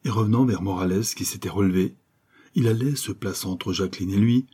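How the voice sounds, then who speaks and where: Low husky guy reading an old novel audiobook, dark mellow voice. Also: fairly quick. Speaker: audiobook narrator. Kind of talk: scripted narration of a classic serial novel.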